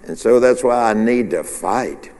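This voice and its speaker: A man's voice: on the low side, expressive, a little slow, a little mellow. A man preaching an informal, chatty midweek sermon, full of restarts and questions to the congregation. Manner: conversational, rambling with restarts and call-and-response. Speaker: pastor. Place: church sanctuary. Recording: long hall reverb.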